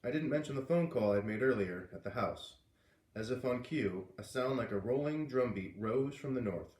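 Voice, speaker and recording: Reading a children's book aloud to kids at a moderate pace, a man performs lively character voices with large jumps in pitch. The recording is roomy and distant from the mic.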